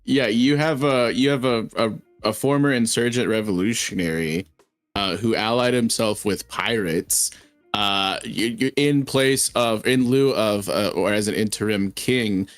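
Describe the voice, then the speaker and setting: A man in a casual podcast chat, teasing and wordy, halting as he builds long arguments. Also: fairly low pitch, no room sound. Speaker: podcast co-host. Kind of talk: casual chat, mock debating.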